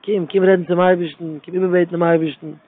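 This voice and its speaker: A man's voice: high voice, flat delivery, fast talker. Tinny, phone-like, emphatic religious talk from a man. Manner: repetitive and emphatic, circling back to phrases. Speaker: religious speaker. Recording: tinny phone-line sound.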